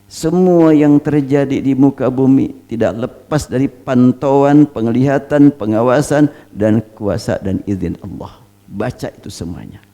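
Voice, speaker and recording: A man, an Islamic teacher, giving a Quran study lecture, emphatic and full of rhetorical questions, reciting Arabic phrases slowly. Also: mid-range voice, warm tone.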